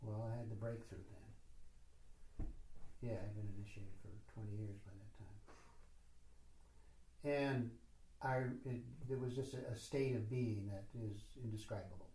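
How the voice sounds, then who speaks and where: A man's voice: fairly low pitch, fairly even intonation, measured pace, long pauses, mellow. A man leading a spiritual retreat session, talking informally and rambling with many fillers and self-deprecating asides. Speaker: retreat teacher. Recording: roomy echo.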